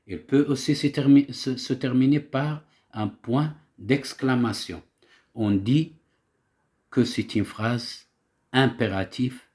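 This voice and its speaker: A man's voice: lowish voice, a little mellow. A male teacher giving a grammar lesson, explaining step by step and asking himself rhetorical questions.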